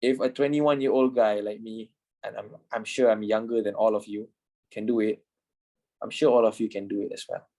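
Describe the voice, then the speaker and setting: A man's voice: on the low side, steady tone, moderate pace, warm tone, rough recording. A man in his twenties, a trading instructor talking informally in an online class, repeating himself and swearing casually. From Malaysia. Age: 20s.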